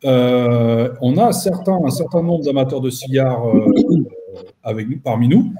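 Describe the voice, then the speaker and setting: A man hosting a live online chat, relaxed and chatty with some fillers. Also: medium pitch, unhurried, a little hiss or hum. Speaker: host.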